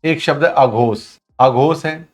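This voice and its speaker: A man's voice: fairly high pitch, takes it slowly. Male grammar teacher running a live online class. Asks, answers and repeats, and voices syllables aloud to demonstrate. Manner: repetitive call-and-response questioning of students; addresses students as friends and reads their chat.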